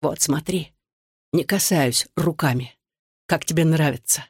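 A reader voicing an anguished, bitter soldier husband who speaks low and clipped through gritted teeth, in an audiobook. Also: male voice, unhurried, slightly rough, dry recording, clean studio sound. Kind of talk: audiobook dialogue.

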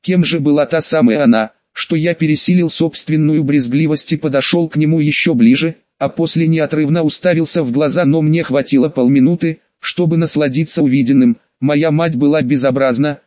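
A man reads an audiobook in the first person, keeping his telling cold and even. His voice sits a little high for a man. The recording is dry and a touch dull. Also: brisk, hardly any pauses, no echo. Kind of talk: audiobook narration.

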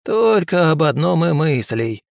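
A man's voice: a little high, sing-song, measured pace, creaky, dry recording, clean studio sound, pitched above the performer's own voice, full character voice. A man voicing a shrewd, bossy old village wise woman with a folksy, scolding manner. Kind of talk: audiobook character voice.

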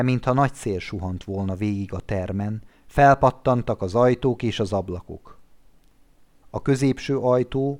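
A man reading a classic literary story as an audiobook narrator, in measured, dramatic narration. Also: fairly low pitch, a little mellow.

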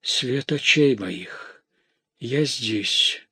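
A man's voice: medium pitch, slow, breathy edge, dry recording, studio quality, pitched above the performer's own voice. A man reading an audiobook, voicing a noble mother weeping over her dying daughter in anguish. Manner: sobbing, anguished. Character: grieving noble mother, sobbing and desperate.

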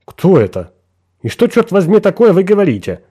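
A man's voice: mid-range voice, moderate pace, mellow, natural voice. A man voicing a suspicious, mocking friend who refuses to believe the caller. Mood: incredulous mockery. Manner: incredulous, sneering.

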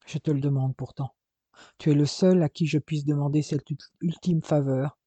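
A man's voice: on the high side, fairly even intonation, normal speed, mellow, no echo, natural voice. A man voicing a young man crippled after an accident, grave and bitter, in an audiobook.

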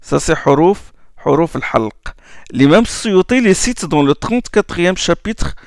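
A man teaching Quran recitation, explaining letter sounds slowly with many hesitations and checks like "hmm?", and demonstrating sounds aloud. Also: high-pitched, animated, a little mellow, clear, resonant tone, no room sound, clean studio sound. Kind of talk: slow classroom explanation.

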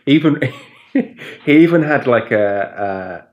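A man's voice: medium pitch, expressive, drawn-out words, highs cut off. A man co-hosting a casual political comedy podcast, rambling through jokes with sardonic asides and frequent laughter. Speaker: podcast co-host.

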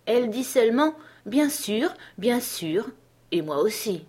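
A woman's voice: fairly high pitch, sing-song, unhurried, a little mellow, breathy edge, voice pushed up, full character voice. A woman reading the lines of a kindly, worried older woman housekeeper in an audiobook, in an earnest, pleading way. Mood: gentle.

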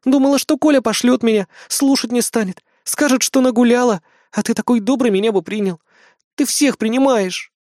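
A man reading an audiobook, voicing a jealous, desperate young woman with a shrill, pleading delivery. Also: a little fast, darkish tone, no echo, clean studio sound.

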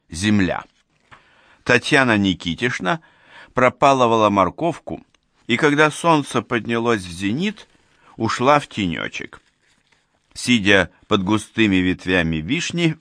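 A man's voice: lowish voice, a bit bright, no echo, clean studio sound. A man narrating a science fiction story as an audiobook, reading expressively.

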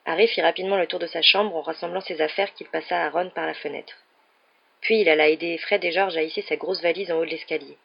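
An audiobook reader giving steady scripted narration of a children's novel in a slightly muffled, lo-fi recording. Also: mid-range voice, quick pace, creaky, slightly rough.

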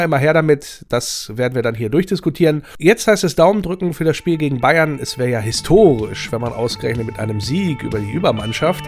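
A man hosting a fan radio show, chatting, telling jokes in an animated way. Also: medium pitch. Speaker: host.

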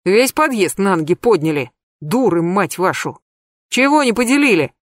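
A woman's voice: mid-range voice, very animated, moderate pace, dry recording, close to an everyday voice. A blunt young man barks coarse scolding, as a woman narrator reads him. The voice stays near her own, recorded dry and close. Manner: barking, coarse.

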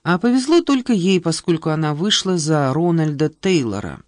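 A woman reading an audiobook, voicing a sharp-tongued, irritable middle-aged Englishwoman who speaks wryly and with exasperation. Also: deep voice, sing-song, moderate pace, dry recording, studio quality. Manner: wry, exasperated.

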